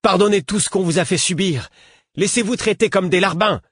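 A man's voice: medium pitch, animated, moderate pace, breathy edge, no echo, studio quality. A man doing a fierce vengeful rebel woman. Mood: scornful. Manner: sharp, spitting, defiant.

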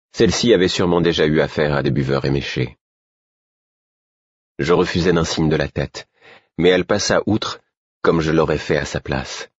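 A man giving a measured first-person novel narration as an audiobook narrator. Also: deep voice, husky, dry recording, muffled recording.

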